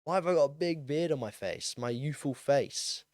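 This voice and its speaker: This podcast host is a young man on the cusp of twenty, speaking alone on his show with lots of ums and likes as he rambles and pokes fun at himself. His voice sits on the high side, expressive and a little mellow, at a moderate pace, captured in clean studio sound without room echo.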